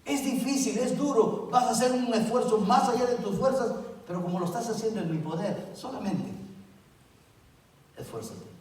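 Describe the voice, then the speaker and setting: A middle-aged man preaches in a fairly high voice, stressing and repeating key words and asking the congregation questions. He sounds distant from the mic in a very echoey church sanctuary. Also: darkish tone. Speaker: pastor. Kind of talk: sermon.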